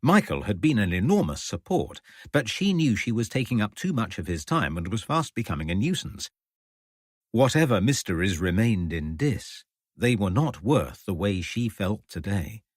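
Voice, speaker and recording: A man reading an audiobook in an expressive, measured storytelling manner. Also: fairly low pitch, no room sound, studio quality. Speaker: audiobook narrator. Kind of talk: scripted narration.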